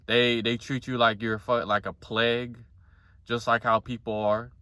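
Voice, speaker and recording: A man in his twenties with a somewhat monotone voice, talking casually and bluntly to the camera in a rambling, confessional way with some swearing. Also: mid-range voice, moderate pace, clear, resonant tone, no room sound, studio quality. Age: 20s. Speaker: vlogger.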